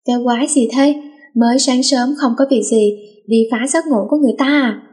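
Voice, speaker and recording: A woman voicing a pampered, quick-tempered teenage girl in a read-aloud story. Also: high voice, darkish tone, close to an everyday voice. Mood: petulant.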